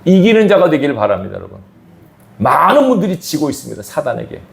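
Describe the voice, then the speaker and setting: A man with a fairly high, fast voice full of big pitch swings and vocal fry preaches a sermon as pastor in a church sanctuary. His emphatic delivery rises and drops suddenly, and the recording carries the echo of the church hall.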